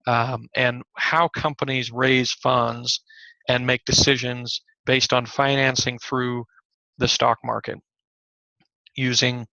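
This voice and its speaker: A man teaching a recorded online class, slightly hoarse and scratchy, talking in a conversational way with many fillers and restarts. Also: mid-range voice, pushed and bright, no room sound. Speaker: college instructor.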